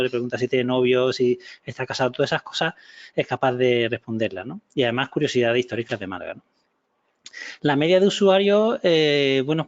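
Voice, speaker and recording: A man's voice: medium pitch, highs cut off. A man presenting a project in a webinar, explaining with many fillers and restarts.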